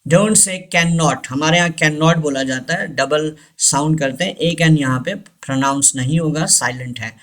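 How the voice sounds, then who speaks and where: A man teaching English pronunciation, switching between Hindi-Urdu and English and repeating each word slowly. His first language is Hindi-Urdu. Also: on the high side, a bit bright. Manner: mixes Hindi-Urdu and English, slow deliberate repetitions. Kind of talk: slow spoken language lesson.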